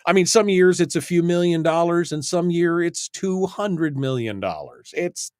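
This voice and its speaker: Blunt and opinionated, this American call-in radio host hammers home his points by repeating them with emphasis. His slightly high, a little mellow male voice is animated at a moderate pace. It's recorded close and dry.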